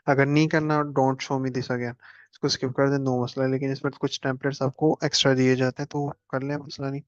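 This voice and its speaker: A man's voice: mid-range voice, level tone, fairly quick, no echo, muffled recording. A man teaching a casual screen-share computer lesson, chatting and joking as he clicks through steps. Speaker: instructor.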